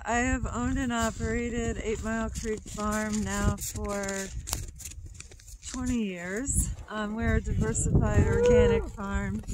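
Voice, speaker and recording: A middle-aged woman who runs a farm, talking plainly to the camera from a snowy field, with many ums. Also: medium pitch. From upstate New York. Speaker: farm owner. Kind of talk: casual talk to camera. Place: open snowy field outdoors in winter wind. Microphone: camera at a few meters. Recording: loud wind noise outdoors.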